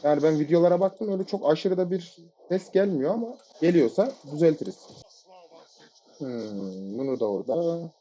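Man, live gameplay commentary, excitable outbursts, lively swinging pitch, dull lo-fi mic. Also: normal speed, slight background noise. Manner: excitable, shouts at teammates and enemies in bursts. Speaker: gamer playing a ranked match.

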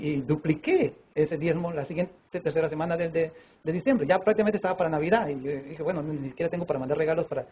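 A man from Peru with a Peruvian Spanish accent, a preacher telling a personal testimony in a sermon and acting out the dialogue. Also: a little high. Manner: animated storyteller who acts out dialogue voices, with many fillers. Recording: dull lo-fi recording with faint room noise.

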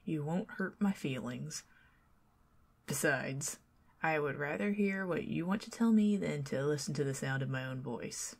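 In this ASMR roleplay, a young woman with a Southern American accent plays a friendly, talkative neighbor who chats and teases the listener before slipping into soft whispers. Her voice is low-pitched, expressive and creaky, and she keeps a measured pace.

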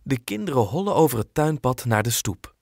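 A man narrating a children's audiobook in a clear, expressive storytelling manner. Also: medium pitch, fairly quick, no echo, clean studio sound.

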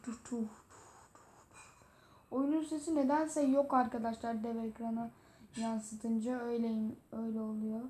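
A woman hosting a gaming video, commenting excitedly as she plays and talking to the game. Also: a little high. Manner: excitable, talks to the game, frequent exclamations. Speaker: gaming channel host. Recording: roomy echo.

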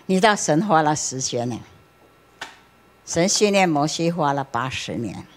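Woman pastor, sermon; lively swooping delivery, quizzes the congregation and chuckles through her stories, miked in a church. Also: deep voice, a little slow. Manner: lively, questions the congregation and answers herself; acts out anecdotes, chuckles often. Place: church sanctuary.

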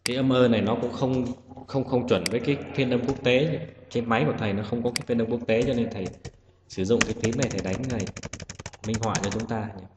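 A man's voice: medium pitch, fairly even intonation, quick pace. A man teaching an exam-prep English lesson, explaining each answer patiently, step by step. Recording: echoey room with loud hiss.

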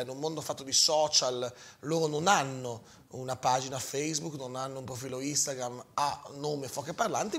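A man's voice: fairly high pitch, a bit bright. A man hosting a morning radio show, chatting casually and introducing guests. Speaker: radio host.

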